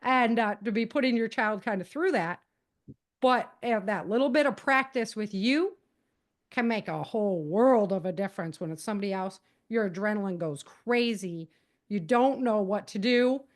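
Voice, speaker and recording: A mid-range, lively voice at a moderate pace belongs to a middle-aged woman being interviewed on a podcast as an author and self-defense advocate. Emphatic and conversational, she repeats key points and plays out example conversations.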